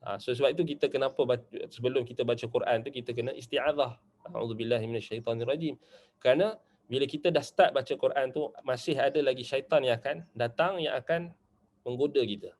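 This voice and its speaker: Man, Malaysian Malay accent, religious teacher, conversational class lecture, mid-pitched voice, loose asides. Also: quick pace, a little mellow. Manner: explains loosely, dotting points with "ha" and "kan". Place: Islamic study centre classroom.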